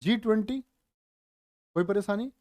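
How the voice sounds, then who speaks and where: A man teaching a live online general knowledge class, speaking slowly and deliberately, repeating facts and quizzing his viewers, with joking asides. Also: high voice, a little mellow, dry recording, clean studio sound. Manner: calls viewers "dear children", joking asides. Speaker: online exam-prep teacher.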